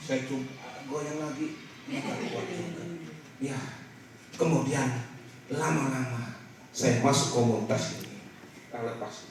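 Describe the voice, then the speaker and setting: A man preaching a lively, animated church sermon to a congregation, illustrating his points with everyday stories. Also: mid-range voice, slow pace, long pauses, far from the mic, slight background noise. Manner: animated, rising to shouted calls to the congregation. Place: large church hall with a congregation. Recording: echoey church hall, mic from afar.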